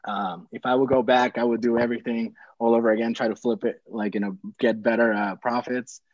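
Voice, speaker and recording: Speaking quickly with a steady tone at medium pitch, this young man from Peru tells a meandering, filler-laden story with frequent restarts. He's a real estate investor guest on a casual video call from a small home room, using earbuds. The sound is dry and dull, with no echo.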